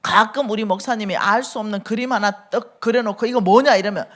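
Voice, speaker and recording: A woman's voice: medium pitch, steady tone, brisk, a bit bright. A middle-aged woman, preaching a sermon as a church elder and acting out the quoted speech as she tells the story.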